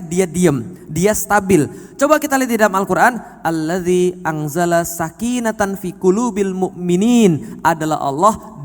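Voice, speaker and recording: A man preaching a sermon to a live audience. He keeps asking the crowd questions and swings between loud exclaims and soft, low storytelling. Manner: animated, asks the crowd questions often. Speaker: Islamic preacher. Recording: long hall reverb.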